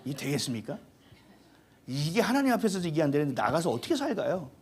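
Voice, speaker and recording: A male pastor preaching a sermon in an animated, humorous, exhorting way. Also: on the high side, quick pace, husky.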